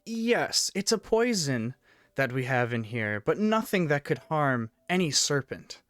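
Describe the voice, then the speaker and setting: A man's voice: mid-range voice, very animated, unhurried, a bit bright, no room sound. A man voicing a serene, evasive serpent-cult priestess with soothing, formal speech in a tabletop game. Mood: reassuring, evasive.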